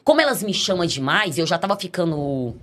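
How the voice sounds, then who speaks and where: Brazilian lady on a podcast telling her story, kinda low voice, does all the voices herself. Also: brisk. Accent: Brazilian Portuguese. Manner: lively storyteller acting out quoted voices. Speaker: podcast guest giving a testimony. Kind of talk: casual storytelling testimony.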